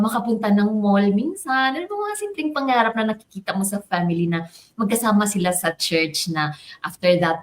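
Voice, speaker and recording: A woman in the middle of her own story, speaking with lively feeling as she moves between languages mid-sentence. Her voice sits at an ordinary middle pitch, and the delivery is relaxed and conversational, like a coach sharing a personal journey. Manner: animated, switching between Tagalog, English and Japanese. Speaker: business coach. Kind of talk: personal testimony, casual storytelling.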